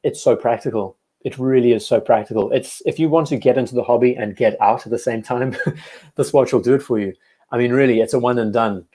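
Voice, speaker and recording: A young man in his twenties hosts a live stream in a loose, chatty way. His voice sits at an ordinary middle pitch, and he often stops to fix a word or answer the chat. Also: brisk, mellow, husky. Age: 20s. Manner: chatty, reads live chat aloud, self-correcting. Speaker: host. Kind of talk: casual livestream chat.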